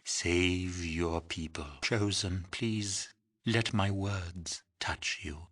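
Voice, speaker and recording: This is dramatic video game character acting: an aged village mystic who sounds weak and grieving. He speaks very slowly in a breathy, husky, low-leaning voice that is steady and fairly bright, with solemn, ceremonious phrasing full of cryptic poetry in a full character voice.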